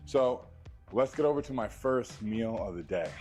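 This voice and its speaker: A man's voice: medium pitch, lively intonation, normal speed, a little mellow, faint music behind. A man narrating a bodybuilding vlog in a matter-of-fact way, with his audio heard in the left ear only. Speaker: bodybuilding vlogger. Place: played from a video inside a livestream.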